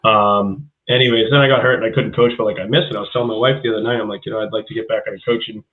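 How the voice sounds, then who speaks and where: A man's voice: lowish voice, fairly even intonation, rapid-fire. Laid-back man on a tinny phone line. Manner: laid-back, says dude and you know what I mean. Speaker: guest, former hockey coach. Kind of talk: casual podcast chat.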